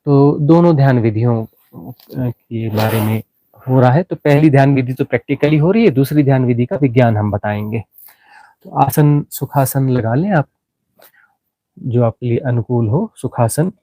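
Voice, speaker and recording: Mellow-voiced meditation teacher. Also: male voice, mid-range voice, dry recording, poor audio. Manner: unhurried explaining with many restarts and fillers. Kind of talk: guided meditation talk.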